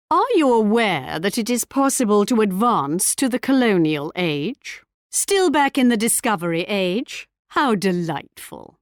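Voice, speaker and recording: A woman's voice: mid-range voice, no echo, clean studio sound. A woman playing a haughty, sly English queen in a video game, with a regal, arch and mock-polite manner. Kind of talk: video game character voice lines.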